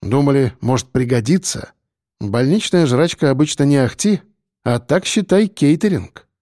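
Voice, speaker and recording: A man's voice: medium pitch, expressive, moderate pace, warm tone, no room sound, studio quality, lightly acted. A man doing a cheerful joking visitor.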